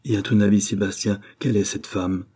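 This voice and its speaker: Male narrator as an anguished middle-aged doctor father; mellow, slightly husky, pleading. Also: on the low side, steady tone, brisk. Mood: astonished. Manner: emotional, pleading, rising to outbursts. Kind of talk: audiobook character reading.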